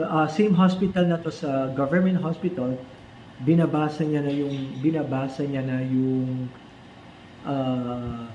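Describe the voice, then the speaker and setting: A man with a Filipino accent tells a personal story in a casual style, switching between Tagalog and English with frequent restarts. His voice is fairly high but mellow. It is recorded in an echoey room on slightly dull audio with faint noise behind it. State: forgetful since treatment. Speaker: vlogger recounting his cancer diagnosis.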